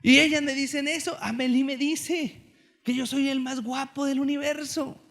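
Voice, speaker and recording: A man in his thirties with a Mexican accent, preaching a sermon as an animated, joking storyteller. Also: very high-pitched, normal speed.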